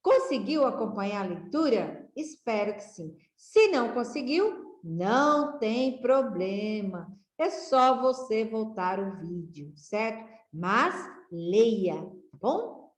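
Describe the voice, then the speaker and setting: A Brazilian woman teacher giving a children's literacy lesson, reading aloud slowly in a sing-song way with rising exclamations. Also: fairly high pitch, animated, roomy sound. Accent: Brazilian Portuguese.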